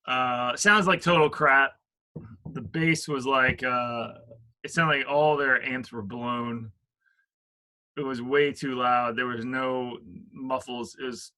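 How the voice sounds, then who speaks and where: A man's voice: medium pitch, pushed and bright. A middle-aged man casually telling a story, rambling with lots of fillers and restarts. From Richmond, Virginia.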